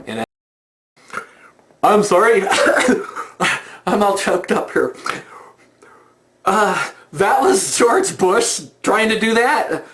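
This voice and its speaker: A man's voice: high voice, sing-song, drawn-out words, pauses often, fairly bright tone. A man giving opinion commentary in a sarcastic, mocking manner.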